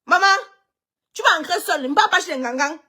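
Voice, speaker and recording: A woman, hosting a live stream and ranting in an animated, repetitive, confrontational way. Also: extremely high pitch, fairly quick.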